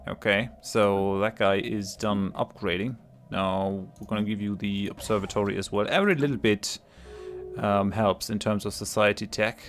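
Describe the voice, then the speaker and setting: Speaking at a normal pace in a low-ish voice with fairly even intonation, this man has a cold as he commentates casually on his strategy game. Faint music sits underneath. As a let's play host, he thinks aloud with plenty of ums and restarts and laughs easily between comments.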